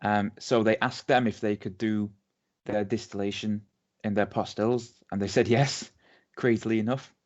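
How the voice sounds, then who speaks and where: An English-accented man co-hosts a podcast, recounting a distillery's story in a chatty, rambling way full of ums and restarts. His voice is lowish and a little mellow, with fairly even intonation and a normal pace. The audio is dull and lo-fi.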